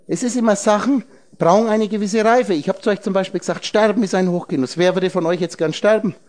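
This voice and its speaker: A man with a high-sitting, darkish voice talks quickly as he lectures a group on esoteric matters. Rambling, he reduces words to letters and numbers and aims questions straight at the audience.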